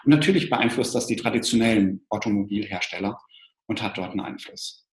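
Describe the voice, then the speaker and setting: A co-presenter with a fairly low-pitched voice talks a little fast, thoughtfully explaining ideas to an online audience with some restarts. The recording has a roomy echo.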